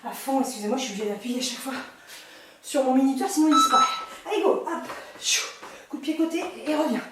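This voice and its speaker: A woman's voice: high voice, lively intonation, fast talker. A woman fitness instructor leading a workout while exercising herself, puffing with effort, urging and chatting playfully between counts and cues. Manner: exerting, breathy puffs while exercising. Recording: distant echoey room with clear noise.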